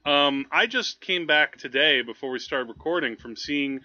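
On a podcast, a male co-host chats casually about films, rambling and explaining enthusiastically with lots of "like." His voice is on the high side, with lively intonation, normal speed, and a sharp tone, though the audio sounds dull.

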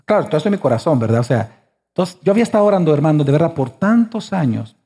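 A man's voice: a little high, sing-song, fast, dark tone. A pastor in his forties preaching a sermon, emphatic and full of rhetorical questions to the congregation.

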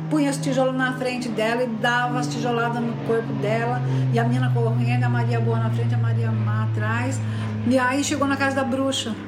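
A woman tells a fairy tale in a casual, rambling way, repeating phrases and tossing in little tag questions. Her voice sits fairly high. The room has a noticeable echo. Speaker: storyteller. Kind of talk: casual oral storytelling. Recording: echoey room.

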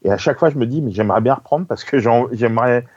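A relaxed podcast co-host chats about series, often repeating words as thoughts form. The voice is dark and mellow. The recording is dry and a little dull. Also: medium pitch, fast, breathy edge, dry recording. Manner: relaxed, agreeable, stumbling restarts. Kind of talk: casual chat reviewing TV series.

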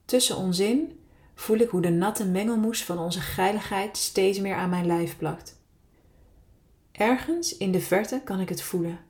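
A woman reading her own erotic story aloud in the first person, in a slow, sultry, intimate way. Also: lowish voice, a little mellow.

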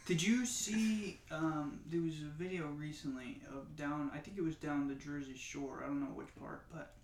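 A man's voice: on the high side, little pitch movement, moderate pace, far from the mic, slight background noise. A man from Staten Island co-hosting a casual, joking podcast chat, recorded in an echoey room. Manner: joking, conversational. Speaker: podcast co-host.

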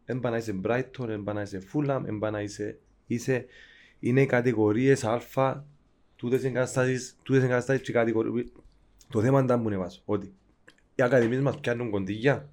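A man's voice: mid-range voice, steady tone, darkish tone. A middle-aged man with a Greek Cypriot accent in casual sports chat, repeating phrases to press his point. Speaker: former footballer on a panel.

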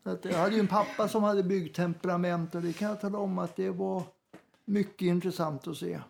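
A man with a high voice and a gravelly edge to it talks in a relaxed group chat. He muses on life with gentle, dry humor. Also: slight background noise. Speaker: guest in group talk. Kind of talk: casual chat.

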